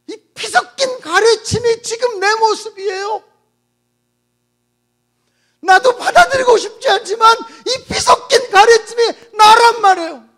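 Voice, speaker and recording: A preacher acting out a bitter, desperate young woman dying of lung disease, shouting and sobbing her accusations. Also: extremely high pitch, pitched above the performer's own voice, full character voice.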